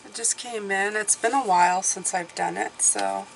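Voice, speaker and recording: A woman giving a casual mystical horoscope card reading as a tarot reader, musing and pausing as she thinks aloud, indoors at a table. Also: mid-range voice, gravelly, slight background noise, rough recording. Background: soft classical music.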